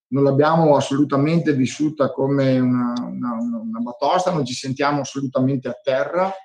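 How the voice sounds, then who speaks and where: A man's voice: medium pitch, a little mellow, poor audio. A middle-aged man with a Venetian Italian accent, an entrepreneur giving his view in a loose, rambling way and often repeating words as he looks for the next phrase. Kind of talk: casual spoken commentary.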